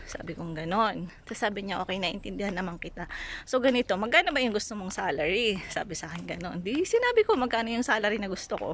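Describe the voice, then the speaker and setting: A woman's voice: medium pitch, a bit bright, slight background noise. A woman from the Philippines, chatty in a casual storytelling vlog, retelling conversations and talking to her viewers. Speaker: vlogger. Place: Greece.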